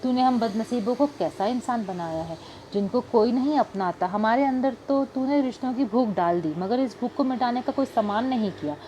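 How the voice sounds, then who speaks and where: A woman's voice: on the high side, moderate pace, few pauses, warm tone, a little hiss or hum, pitched above the performer's own voice, natural voice. A woman voicing a lonely, grieving older woman who speaks plaintively in an audiobook. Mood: lamenting. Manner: plaintive, tearful.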